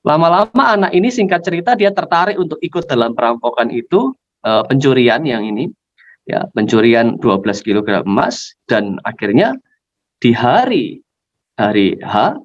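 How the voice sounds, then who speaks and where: Animated man telling a sermon story. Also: mid-range voice, normal speed, pauses often. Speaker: youth pastor. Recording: dull lo-fi recording.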